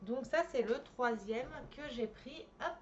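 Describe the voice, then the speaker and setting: A woman casually chatting through an unboxing at home, enthusiastic and often pausing to search for words. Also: a little high, darkish tone. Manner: chatty, enthusiastic, with frequent hesitations. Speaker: vlogger reviewing a purchase. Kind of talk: casual unboxing and screen walkthrough. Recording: slightly muffled home recording with faint background noise.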